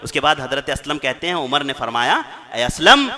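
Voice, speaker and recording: A man's voice: mid-range voice, big pitch swings, pushed and bright. A man giving a Friday sermon in a mosque, retelling stories with quoted dialogue and repeating phrases for emphasis.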